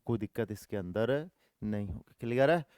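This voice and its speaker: A man's voice: on the low side, animated, normal speed, a little mellow, clean tone, dry recording, studio quality. A male maths teacher running an online coaching class, repeating each step and answering his own questions, calling students "dear brother".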